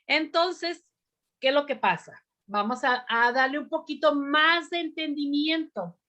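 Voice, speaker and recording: A woman teaching a bible lesson to a women's group, speaking deliberately and often pausing on "amén" to ask her listeners questions. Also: high voice, sharp tone, lo-fi sound.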